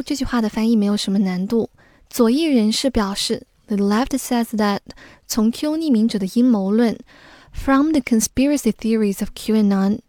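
A woman gives a careful, scripted vocabulary lesson, going over each word clearly. Her voice sits a little high, with a mellow, warm tone. It is recorded close up in a dry, dead room. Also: no room sound. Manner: explains words slowly and clearly, mixing in English. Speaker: English teacher.

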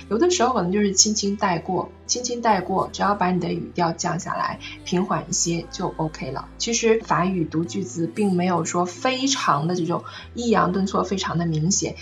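A woman teacher explaining French pronunciation and intonation in a patient, explanatory way, often asking "right?" to check in. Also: fairly low pitch. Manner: patient, checks in with rhetorical questions. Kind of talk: online lesson on French intonation.

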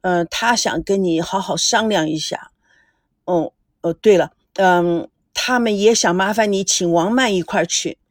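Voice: mid-range voice, measured pace, no echo, studio quality, pitched below the performer's own voice, natural voice. A woman voicing a timid office secretary who stammers when frightened. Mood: polite.

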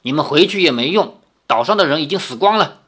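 A woman's voice: low-pitched, animated, quick pace, fairly bright tone, husky, full character voice. A woman reading a storybook aloud and voicing a cold, sneering male bandit chief. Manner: cold, curt.

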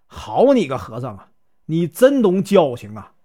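A man's voice: on the high side, wildly swooping pitch, a little slow, dark tone, pitched below the performer's own voice, full character voice. A man with a Northeastern Mandarin accent voicing an indignant, down-on-his-luck man in a spoken folk tale. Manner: exasperated, complaining.

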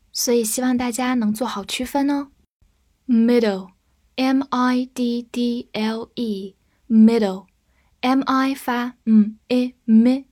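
A woman teaching English vocabulary, spelling words out letter by letter and repeating them slowly. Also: a little high, a little mellow, dry recording, studio quality. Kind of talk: explanatory vocabulary lesson.

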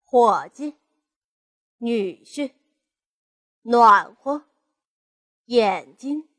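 Higher-voiced woman reciting in class. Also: expressive, drawn-out words, fairly bright tone. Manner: reciting answers and word lists. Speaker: student.

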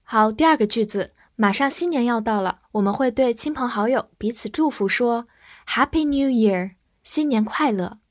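A woman teaching English vocabulary, who spells each word letter by letter and reads the example sentences slowly. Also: on the high side, no room sound, studio quality. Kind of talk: vocabulary lesson.

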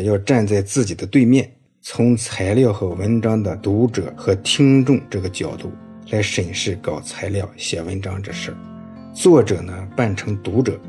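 A man's voice: lowish voice, warm tone, husky. A man giving a scripted audio lecture on writing, in a storytelling tone, padding his phrases with filler particles. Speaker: writing instructor.

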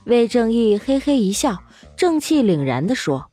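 A woman narrating a serialized novel in an expressive storytelling manner. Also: on the high side, normal speed, soft background music. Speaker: audiobook narrator.

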